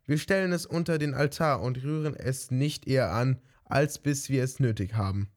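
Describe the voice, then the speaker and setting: A man's voice: medium pitch, normal speed, darkish tone, natural voice. A man voicing a sly, greedy female cat who coaxes and sweet-talks in a fairy-tale reading. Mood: coaxing. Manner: coaxing, sweet-talking.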